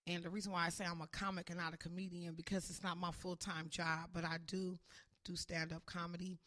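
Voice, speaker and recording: A woman in her forties, a comic and jail case manager, chatting casually in a podcast, slangy and animated, breaking into loud acted-out bits. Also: fairly low pitch, a little fast. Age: 40s.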